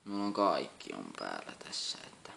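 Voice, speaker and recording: A man's voice: extremely low pitch, very animated, vocal fry. A young man doing casual let's-play commentary, cursing often and muttering in exasperation. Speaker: gameplay commentator. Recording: loud noise behind the voice.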